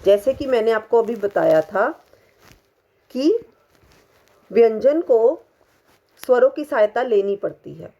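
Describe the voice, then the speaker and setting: A woman with a fairly high voice teaching young children. She speaks very slowly, drawing out each syllable and word for the class to follow and repeat. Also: animated, dark tone, lo-fi sound. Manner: slow, drawn-out syllables for repetition.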